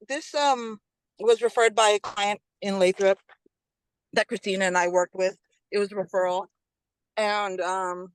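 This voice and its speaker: A woman's voice: lowish voice, no room sound. A woman real estate agent calling in while driving, eating breakfast and talking between bites. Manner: hurried, chewing while talking. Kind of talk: casual update while driving. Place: car.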